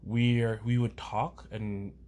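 A man's voice: medium pitch, level tone, slow pace, a little mellow. A man co-hosting a casual faith and parenting conversation, talking earnestly and reflectively, often restarting his sentences. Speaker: podcast co-host, parent.

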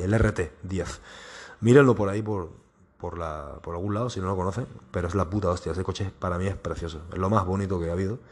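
A man's voice: lowish voice, a little mellow, slightly rough. A man in his thirties telling personal stories in a casual, rambling monologue, swearing freely and mimicking engine noises.

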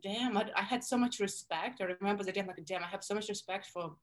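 A woman in her thirties speaks English with a Russian accent. Her voice sits at a middle pitch, and she tells her stories in an animated, chatty way full of fillers and restarts. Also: fast. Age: 30s. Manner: animated storytelling with many fillers. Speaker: guest. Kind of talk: casual interview chat.

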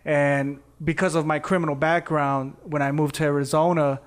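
Smooth-voiced man from Costa Rica. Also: fairly high pitch, level tone, normal speed. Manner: loose and candid, many fillers and restarts. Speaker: guest artist. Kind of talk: casual podcast chat.

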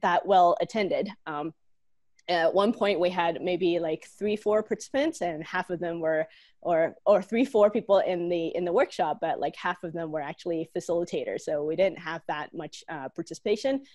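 A woman from Hong Kong talks casually on a podcast from her home office. Her voice sits a little low. She chats along, leaning on "like" and "um" fillers. The recording is dry, with no room sound. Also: moderate pace, a little mellow, dry recording. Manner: chatty, leans on "like" and "um" fillers. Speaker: online learning lead and co-host.

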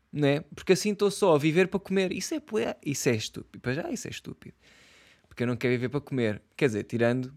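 Slangy young Portuguese man ranting. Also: on the high side. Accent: European Portuguese. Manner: slangy, swears a lot, many fillers. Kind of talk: casual rant.

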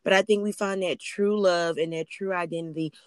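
A woman hosting a faith-based podcast interview, telling her stories in an animated way. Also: fairly low pitch, brisk, clear, resonant tone, no room sound. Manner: animated storyteller, acts out quotes. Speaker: podcast host.

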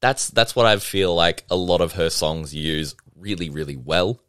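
Young male music reviewer with a deep voice; loose, chatty, self-mocking delivery full of fillers. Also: moderate pace, fairly bright tone, smooth, no echo, clean studio sound. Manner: chatty, rambling, self-deprecating, lots of ums and likes. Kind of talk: casual album review monologue.

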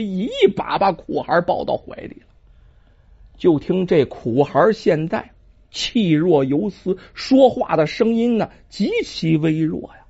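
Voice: mid-range voice, gravelly, darkish tone, breathy edge. A storyteller telling a folk tale in a dramatic traditional style, exclaiming and drawing out sentence endings, on a dull lo-fi recording.

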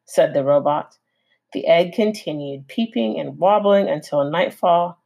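A woman, a teacher, reading a novel aloud in a gentle, expressive way and adding her own comments. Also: deep voice, rough recording. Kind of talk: read-aloud storytelling.

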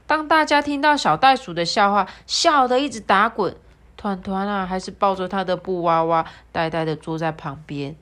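A woman reading a children's picture story aloud in a gentle, sing-song way, voicing the characters now and then. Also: mid-range voice, moderate pace.

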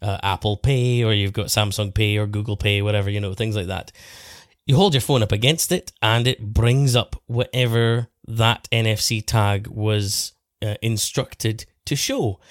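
A man's voice: fairly low pitch, normal speed, no room sound. Male podcast host. Informal, chatty and bantering, recorded dry. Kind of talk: casual chat about car detailing.

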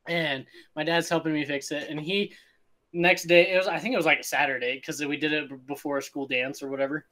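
A man's voice: on the high side, bright, forceful tone. A young man co-hosting a podcast, telling crude stories in casual banter, swearing freely and laughing often. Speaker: podcast co-host.

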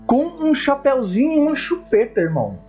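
A man, co-hosting a casual gaming chat, jokey and expressive. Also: extremely high pitch, fairly quick, faint music behind. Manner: jokey, expressive, calls friend "irmão". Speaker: podcast co-host. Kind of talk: casual chat about video games.

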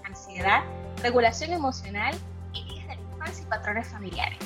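A woman hosting a podcast interview, welcoming her guest and asking questions. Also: on the high side. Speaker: podcast host.

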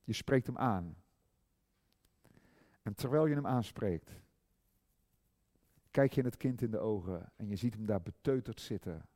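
A middle-aged male preacher giving a sermon, swinging from loud emphasis to hushed tenderness and drawing out key words slowly. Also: lowish voice, dry recording, clean studio sound. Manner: slow, drawn-out stress on key words.

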